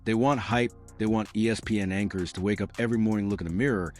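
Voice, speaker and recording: A man's voice: on the low side, fairly even intonation, fast, soft background music. A man narrating a scripted commentary in a sarcastic, theatrical manner.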